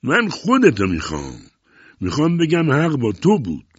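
A man voicing a sly, pushy old male pirate who shouts in a hearty, insistent way. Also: a little high, wildly swooping pitch, husky, no echo, pitched above the performer's own voice, exaggerated voice. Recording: dull muffled recording.

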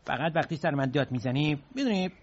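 A man's voice: a little high, lively intonation, slightly rough, muffled recording. A man voicing a naive, earnest sidekick who is easily hurt in a dubbed comedy. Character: naive, touchy male sidekick, ex-soldier.

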